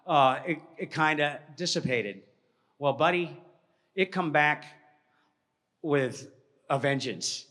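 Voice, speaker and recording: Animated male storyteller in a reverberant hall. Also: on the high side, takes it slowly, long pauses. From Georgia, US. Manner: animated storyteller, drops to a hush, acts out voices, many restarts. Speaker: speaker at a presentation. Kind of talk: personal story told to an audience.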